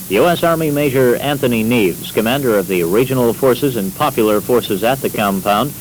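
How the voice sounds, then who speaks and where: A man's voice: mid-range voice, poor audio. A man reading formal scripted narration as a military reporter for an audio news feature. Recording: faintly hissy 1960s field report tape.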